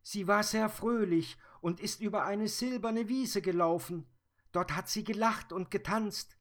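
A man voicing a bold, cheeky little girl in a high, lively storybook voice. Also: measured pace.

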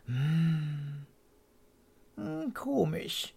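Excitable little male swallow, put on by the storyteller, lifted high with a rough grain. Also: drawn-out words, heavily acted. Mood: puzzled. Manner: high, chirpy, exclaiming.

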